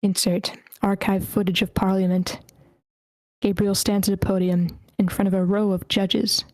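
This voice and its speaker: A woman reading a screenplay's scene directions aloud at an online table read, steady but stumbling over character names. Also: mid-range voice, moderate pace, dry recording. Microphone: computer mic in an online meeting.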